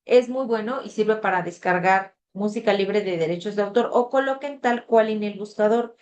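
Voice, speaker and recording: A woman's voice: medium pitch, moderate pace, darkish tone, highs cut off. A woman tutor, talking casually to her class over a video call, with frequent fillers. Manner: conversational, reads the chat aloud, filler "este". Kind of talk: online class session.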